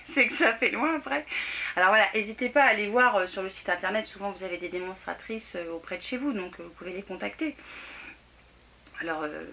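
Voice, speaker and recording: A woman's voice: mid-range voice, pushed and bright, slight background noise. A middle-aged woman chatting casually to camera about a craft haul, laughing at herself and filling with lots of little hesitations. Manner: chatty, laughing, self-mocking, lots of fillers. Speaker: craft vlogger. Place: home room near a table.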